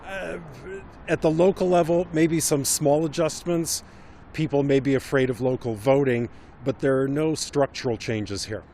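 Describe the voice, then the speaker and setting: A man giving a calm, articulate, analytical answer in a street interview. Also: mid-range voice, moderate pace, slight background noise. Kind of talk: street vox pop answer.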